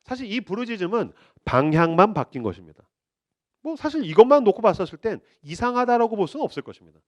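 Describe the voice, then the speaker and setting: High-voiced, animated male preacher. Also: fast talker. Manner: emphatic, acts out quotes. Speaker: pastor. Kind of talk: sermon.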